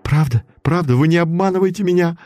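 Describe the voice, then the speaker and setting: A man reading a story aloud and voicing a frightened young captive woman in a high, pleading voice. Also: expressive, fast, gravelly, a little mellow, breathy edge, no echo, clean studio sound. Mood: hopeful.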